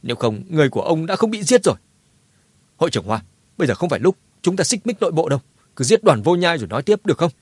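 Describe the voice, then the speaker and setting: A man's voice: medium pitch, wildly swooping pitch, fast talker, hardly any pauses, breathy edge, no room sound. A man doing a panicky, scheming clan leader. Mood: panicked.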